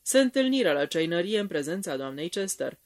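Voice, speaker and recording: Narrator steady storytelling, reading a novel aloud at a table read. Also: mid-range voice.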